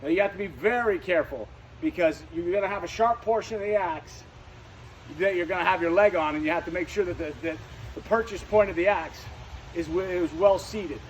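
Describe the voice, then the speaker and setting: A firefighting instructor gives an unscripted, hands-on demonstration, often repeating and restarting phrases as he explains. His voice sits high and moves a little fast, and the poor audio carries a faint hiss or hum.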